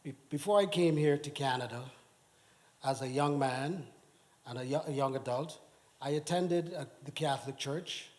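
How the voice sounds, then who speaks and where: A middle-aged man from the Bahamas giving a personal testimony in church, speaking haltingly with many restarts. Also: a little high, darkish tone. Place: church sanctuary.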